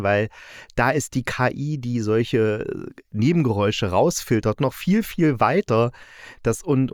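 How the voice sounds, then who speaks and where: This man, a host who reviews audio dramas, speaks in a lowish voice. His spoken review is casual, colloquial and opinionated as he retells the stories, and the recording is clean studio sound with no echo.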